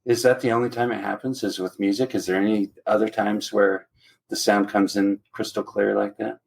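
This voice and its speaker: Man, podcast host, low-pitched voice, casual questioning, laughs often. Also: level tone, moderate pace, vocal fry.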